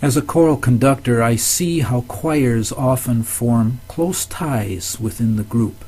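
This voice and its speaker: An older man giving a recorded course lecture, telling anecdotes in a measured, instructive way. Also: mid-range voice, a little mellow, husky.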